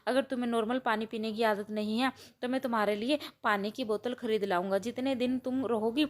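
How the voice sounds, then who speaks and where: A woman's voice: fairly high pitch, steady tone, brisk, close to an everyday voice. A woman voicing an easygoing young husband who speaks in a mild, accommodating way.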